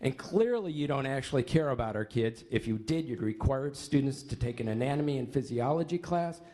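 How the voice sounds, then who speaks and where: A man's voice: medium pitch, lively intonation, a little fast, warm tone. An American man reading out a prepared public comment in an accusatory, emphatic manner.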